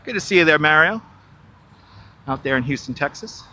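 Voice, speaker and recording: Walking outdoors along a river, a middle-aged New Yorker streams live in a pushed, bright voice on the high side, with lively intonation at normal speed. He chats with his audience over a wireless clip-on mic, repeating himself and reading and answering their comments.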